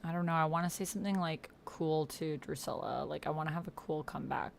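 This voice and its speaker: A woman in her thirties streams casually and playfully, reading typed roleplay aloud and reacting as a player. She talks fast in a low-pitched voice with vocal fry, against slight background noise.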